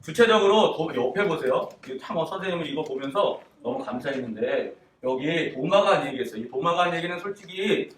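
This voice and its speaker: A man's voice: a little high, brisk, hardly any pauses. A man giving a children's sermon, asking the kids questions and acting out quotes. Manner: animated, asks children questions, acts out quotes. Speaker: children's worship preacher. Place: church room. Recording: echoey room, distant mic, faint noise.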